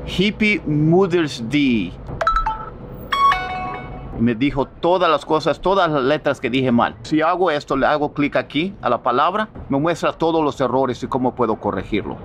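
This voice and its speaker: A man's voice: medium pitch, a little fast, hardly any pauses, background noise. Spanish-speaking man teaching pronunciation, echoey room. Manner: animated, demonstrates words in English by saying them wrong and right. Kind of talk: casual video lesson with app promotion.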